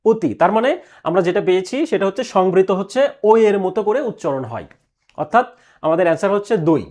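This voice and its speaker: A male teacher giving an exam prep lecture, asking questions and answering them himself, repeating key answers slowly. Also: high voice, lively intonation, darkish tone.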